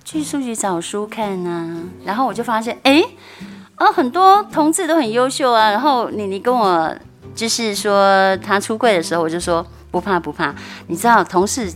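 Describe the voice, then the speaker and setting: 一位带台湾口音的中年女性，音高适中，说话朴实诚恳，偶尔温和地打趣。背景隐约有音乐。. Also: female voice, medium pitch, lively intonation, moderate pace, faint music behind. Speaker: host's mother, guest. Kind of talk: casual family chat.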